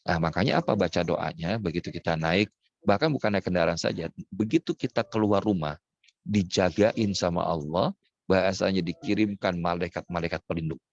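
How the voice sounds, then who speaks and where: A man with a low, gravelly voice gives a religious lecture over a webinar. He leaps much higher when telling stories or voicing prayers and slows right down for recitation. The audio is dull and lo-fi. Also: dry recording. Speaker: Islamic teacher. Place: hotel in Madinah.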